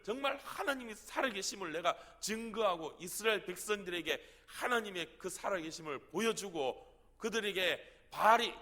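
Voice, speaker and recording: A man's voice: high-pitched, bright, forceful tone, long reverb tail, voice pushed up, full character voice. A man voicing the prophet Elijah, worn out and pouring out an emphatic, pleading complaint. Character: weary indignant prophet Elijah, adult man.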